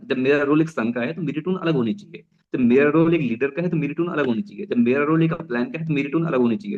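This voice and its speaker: A young man giving an energetic network marketing talk, often restarting phrases and mixing in English. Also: mid-range voice, highs cut off. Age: young adult. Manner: mixes English phrases into Hindi. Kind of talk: motivational business talk.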